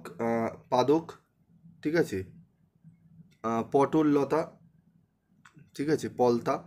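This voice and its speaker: A man's voice: mid-range voice, darkish tone, a little hiss or hum. A man teaching an exam-prep lesson to students, often checking in with rhetorical questions and repeating key points. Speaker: exam tutor.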